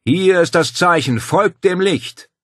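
A tall, bearded hermit calls from the dark in a booming, raised voice and chuckles over his own prank, played by a male narrator. The voice is husky and lively. It sounds dry and close. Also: takes it slowly, no room sound, full character voice. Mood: eerie calling. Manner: booming, teasing, delighted with his own trick.

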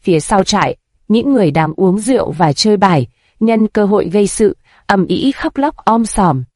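A woman reading a scripted story in a steady, even narrating voice. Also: medium pitch, normal speed, dry recording, studio quality.

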